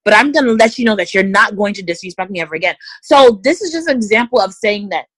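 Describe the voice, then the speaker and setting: A woman's voice: mid-range voice, lively intonation, fast talker, a bit bright, breathy edge, no room sound, poor audio. A woman giving direct, emphatic career advice in a conversational interview, speaking straight to listeners. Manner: direct, emphatic, addresses listeners as guys and ladies.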